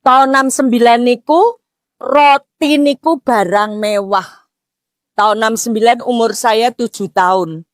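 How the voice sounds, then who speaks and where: High-voiced older Javanese woman preaching. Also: unhurried, no echo, clean studio sound. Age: 60s. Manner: rhetorical questions, rises to emphatic near-shouts; slips Javanese words into talk. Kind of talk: mosque sermon.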